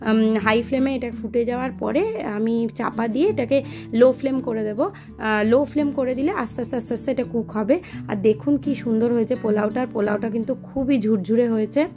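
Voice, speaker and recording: A young woman from Kolkata talks through her cooking in a loose, chatty way, pausing often on small fillers. Her voice sits a little high, and soft music plays under her talk. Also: steady tone. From Kolkata, West Bengal. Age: young adult. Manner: chatty, explains step by step with many fillers. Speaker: vlogger and mother. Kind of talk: casual cooking and family vlog.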